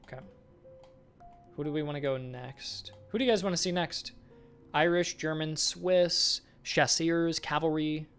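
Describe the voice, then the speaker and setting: A man's voice: a little high, measured pace, fairly bright tone, faint music behind. A man streaming as a game developer, chatting casually with viewers and thinking aloud while he works. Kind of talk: casual live-stream chat while working.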